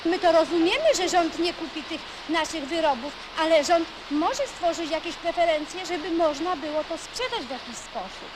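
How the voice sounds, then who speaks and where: A woman's voice: extremely high pitch, moderate pace, few pauses. A woman factory worker speaking off the cuff in an interview, emphatic and indignant. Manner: emphatic, indignant rhetorical questioning. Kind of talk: unscripted newsreel interview. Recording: noisy factory location sound.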